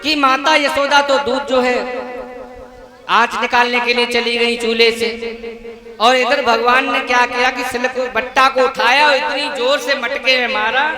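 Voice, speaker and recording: A man's voice: extremely high pitch, steady tone, measured pace. A man telling a devotional scripture story live, asking the audience questions and chanting verses in between. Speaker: Bhagavata storyteller. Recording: loud music under a live talk.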